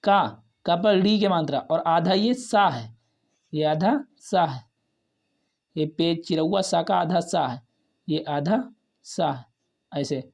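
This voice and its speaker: A man teaching a basic reading lesson, sounding out each syllable and repeating words several times in a slow, patient way. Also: a little high, darkish tone.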